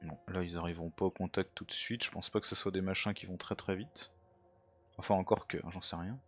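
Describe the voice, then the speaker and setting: A man with a lowish voice talks through his game in a loose, thinking-aloud way, dropping into quiet mutters as he weighs each move. The sound is dull and lo-fi, with faint game music underneath. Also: fairly even intonation, fairly quick. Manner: self-mocking. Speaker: let's play gamer. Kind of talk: casual game commentary.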